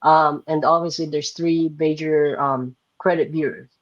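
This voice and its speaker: On the high side, his voice stays fairly even and a little slow, recorded with no echo and the highs cut off. He's a young man from the Philippines, a guest entrepreneur casually answering interview questions in a loose, filler-heavy way, often saying "like" and checking "right?".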